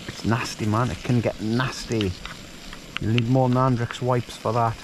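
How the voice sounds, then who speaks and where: Over a noisy background, a man speaks at normal speed with a flat delivery and mid-range voice. In this casual outdoor cooking vlog, he cooks and shows gear at a wild camp at night, chatty and joking with rambling asides.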